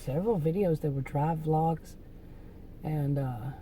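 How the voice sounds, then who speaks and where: A woman talks to camera in a loose, rambling vlog monologue, often losing her thread and trailing off. Her soothing voice sits a little low and sounds very mellow and dark. Faint ambience hums in the background. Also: a little slow, slight background noise, poor audio. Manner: rambling, easily distracted, trailing off. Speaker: YouTuber.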